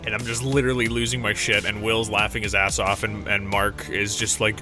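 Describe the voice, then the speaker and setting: A man's voice: lowish voice, flat delivery, brisk, over music. A young man hosting a podcast, telling rambling, profane stories in casual chat into a studio mic. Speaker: podcast host. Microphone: studio mic through a mixer.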